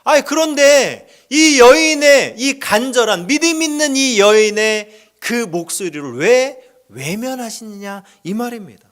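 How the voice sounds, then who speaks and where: A man's voice: extremely high pitch, animated, measured pace, hardly any pauses, a bit bright. A man preaching a sermon as pastor, dramatic, acting out quoted pleas and dropping to near whispers. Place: church sanctuary.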